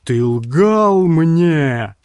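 A man voicing a sinister warlock who shouts commands in a slow, drawn-out way. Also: a little high, expressive, no echo, pitched above the performer's own voice. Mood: raging. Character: sinister male warlock summoning a worm.

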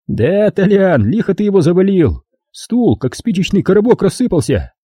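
A man reading an audiobook, voicing a lanky young thug who flatters his boss and jokes with a snicker. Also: sits high, normal speed, slightly rough, dry recording, clean studio sound, voice pushed up, exaggerated voice. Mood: fawning.

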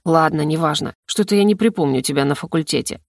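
A woman voicing a composed male elf lord who serves as dean, speaking in a measured, reasoning way that can turn stern. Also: deep voice, creaky, no room sound, studio quality, pitched below the performer's own voice. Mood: calm.

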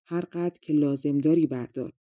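Lady doing a sly little fairy tale monkey, teasing, dark soft voice. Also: sits low, steady tone, no echo, clean studio sound, natural voice. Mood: coaxing. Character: small clever talking female monkey, magical.

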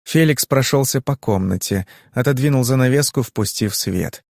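A man reading an audiobook in even, measured narration. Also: medium pitch, gravelly, no room sound, studio quality. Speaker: audiobook reader. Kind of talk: scripted narration.

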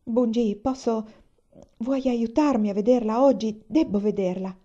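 A woman's voice: fairly high pitch, steady tone, a little slow, mellow, lo-fi sound, pitched above the performer's own voice. A woman reading as Aiwan, an earnest young lover. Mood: urgent. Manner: urgent, then cool and curt. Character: earnest young man in love, intense.

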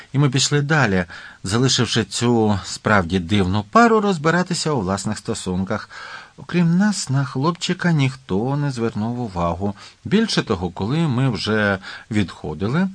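A man narrating an audiobook in a lively, expressive reading voice. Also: medium pitch, no echo. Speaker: audiobook reader.

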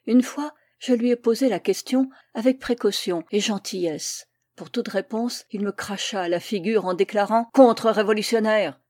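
A woman narrates a first-person novel in a calm, measured way. Her pitch sits mid-range for a woman. The recording is dry and close, with no echo. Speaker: audiobook reader.

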